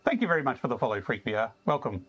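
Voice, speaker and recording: A man's voice: mid-range voice, sing-song, rapid-fire, a bit bright, lo-fi sound, slight background noise. Chatty Australian man streaming a game. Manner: chatty and easygoing, chuckling often, chats with viewers. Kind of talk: casual live-stream chat while playing.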